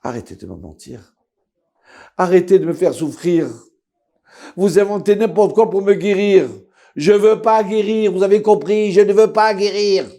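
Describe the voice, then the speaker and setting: A man playing a grieving young man who shouts and refuses to see his father. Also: mid-range voice, animated, normal speed, vocal fry. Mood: furious refusal. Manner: shouting, pleading.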